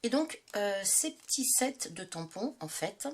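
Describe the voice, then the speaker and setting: A woman's voice: mid-range voice, big pitch swings, a little slow. A woman from France with a stuffy head cold, hosting a casual craft tutorial and talking in a chatty way with many hesitations. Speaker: craft channel host.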